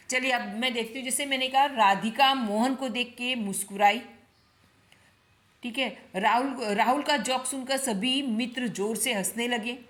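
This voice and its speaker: A woman teaching English grammar, slowly repeating each example sentence and explaining it. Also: on the high side, a bit bright.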